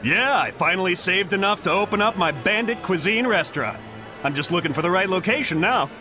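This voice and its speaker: Reformed bandit cook: game role, cheerful, informal, animated highish voice over music. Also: male voice, fairly quick. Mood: excited greeting. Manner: boisterous, informal. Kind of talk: video game voice acting.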